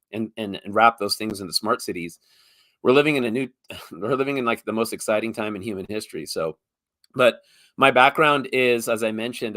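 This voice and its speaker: A man in his fifties, a little hoarse from being under the weather, talking as a guest on a podcast with enthusiastic, rambling energy. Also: on the low side, fairly bright tone, dry recording. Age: 50s. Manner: enthusiastic, rambling, repeats words. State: a bit hoarse from illness. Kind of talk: casual interview talk.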